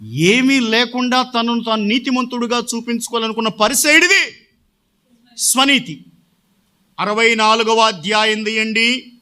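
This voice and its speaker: A man preaches with a strikingly high, very bright voice. He questions his listeners again and again and then gives the answer himself, as a pastor in full sermon. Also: unhurried, long pauses, clear, resonant tone.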